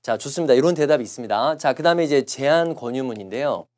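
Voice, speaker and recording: A male lecturer teaching English test strategy in a recorded class. His pitch swings up and down a lot as he explains. He keeps to a middle register and patiently repeats phrases slowly to model pronunciation. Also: expressive, a little mellow.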